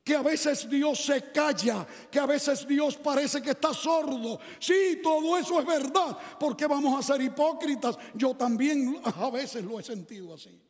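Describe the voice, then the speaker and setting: A man's voice: extremely high pitch, unhurried, hardly any pauses. A male preacher delivering a sermon, telling a story dramatically and putting rhetorical questions to his listeners. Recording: echoey hall reverb.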